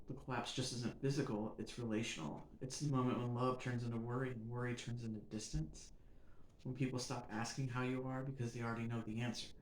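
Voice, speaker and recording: A man's voice: medium pitch, a little hiss or hum. Earnest man in a roomy echo. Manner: measured, earnest, building emphasis in short phrases. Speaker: podcast host. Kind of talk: reflective scripted monologue.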